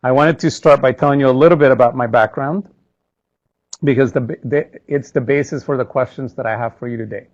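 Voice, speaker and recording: A man from El Salvador moderating a formal interview, polite and measured with hesitant fillers. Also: mid-range voice, steady tone, highs cut off.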